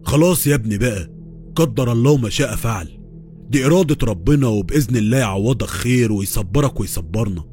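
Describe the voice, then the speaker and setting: A man voicing a grieving older father-in-law who consoles his son-in-law gently, in Egyptian Arabic, in a spoken horror story. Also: medium pitch, expressive, fast talker, faint music behind, pitched below the performer's own voice, natural voice. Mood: tender. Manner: gentle, consoling, religious phrasing.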